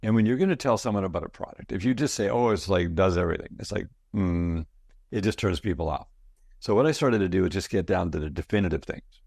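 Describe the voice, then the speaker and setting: A man's voice: sits low, fast talker, vocal fry, a little mellow, husky, no room sound, clean studio sound. A man in his sixties, a guest talking casually and enthusiastically in an interview, telling stories and often repeating words. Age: 60s. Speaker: guest, product founder.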